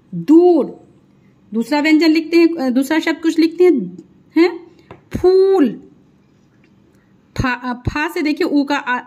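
A woman teaching children to read Hindi, drawing out each syllable and checking in with "okay" after each one. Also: high-pitched. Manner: drawn-out syllables, repeats each sound, frequent "thik hai". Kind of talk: slow spelling lesson, dictating sounds.

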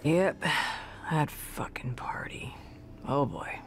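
An actress whispers slowly in a low-pitched voice as she plays a video game's brash young woman brawler. The character is boozy and foul-mouthed, cracking wise and swearing freely.

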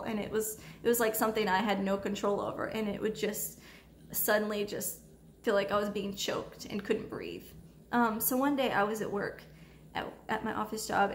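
A young woman gently telling her personal faith testimony in a hesitant, soft-spoken way with many pauses and fillers. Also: mid-range voice. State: tearful at times. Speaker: vlogger sharing testimony. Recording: echoey room with faint ambient noise.

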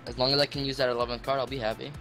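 A man's voice: medium pitch, flat delivery, racing, over loud music. A man in casual online game chat, laid-back, swearing casually and chuckling.

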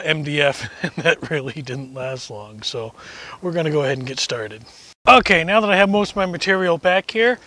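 A man's voice: a little high, a bit bright, a little hiss or hum. A middle-aged man chatting casually outdoors, explaining each step of a barn job as he works, with a joke now and then. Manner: chatty, explains each step while working, self-deprecating jokes. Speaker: homesteading vlogger. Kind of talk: casual how-to narration. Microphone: camera mic from a distance.

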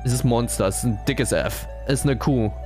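A young man streaming a game, chatting casually, swearing loudly and mixing in English slang. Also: mid-range voice, brisk. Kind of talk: casual gaming commentary. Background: music.

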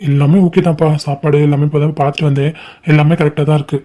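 A reassuring middle-aged family man from a cartoon, speaking with a low, warm, rounded tone and a brisk, easy pace. A woman acts him out in a lowered voice. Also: level tone.

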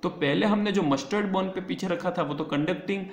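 A man giving a nursing class lecture in Hindi, switching into slow, halting English lines and checking in with his students. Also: sits high. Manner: explains in Hindi mixed with English, halting English lines, keeps asking "okay?". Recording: echoey room, faint noise.

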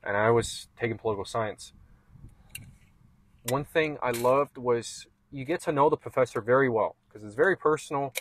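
A man's voice: mid-range voice, moderate pace, slight background noise. A young man from Canada, co-hosting a casual chat and rambling with lots of "like" and "man". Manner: relaxed, rambling, says "like" and "man" a lot. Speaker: co-host.

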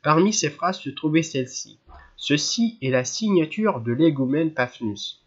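A man voicing a gentle, serious young prince in an audiobook, explaining politely and earnestly. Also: on the high side, animated, a little slow, breathy edge, lo-fi sound. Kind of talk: audiobook character reading.

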